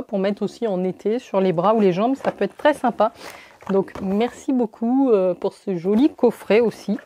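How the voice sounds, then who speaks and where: A woman's voice: a little high, dark tone. A woman chatting casually as a beauty vlogger, showing off her gifts with enthusiasm and lots of small fillers. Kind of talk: casual product haul chat.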